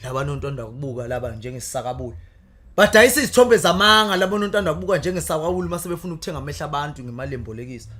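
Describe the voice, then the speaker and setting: A man's voice: a little high, a bit bright. A man with a Zulu accent reciting praise poetry in an impassioned, declamatory torrent. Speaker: guest, praise poet.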